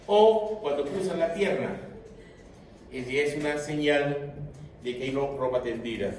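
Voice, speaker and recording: Male lecturer, slightly high, animated and joking, far from the mic in an echoey, noisy room. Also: measured pace. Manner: animated, joking, addresses students directly. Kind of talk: classroom lecture.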